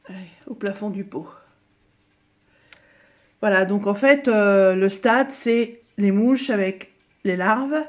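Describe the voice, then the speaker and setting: Indoors in her dining room at home, a middle-aged woman gives a casual tour of her craft room. Her mid-range voice is slightly hoarse, and she talks in a chatty, halting way full of fillers.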